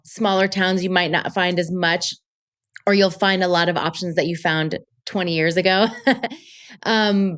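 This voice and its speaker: Chatty woman telling her story, slightly low voice. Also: a bit bright, smooth. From Colombia. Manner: chatty, upbeat storyteller with fillers. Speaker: podcast guest, travel show creator. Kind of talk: casual interview chat.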